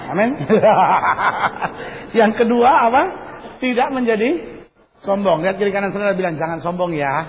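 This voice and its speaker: A man's voice: sits high, unhurried. A man preaching a sermon, asking the congregation questions and answering them with emphatic repetition. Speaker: pastor. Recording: dull recording with faint hiss.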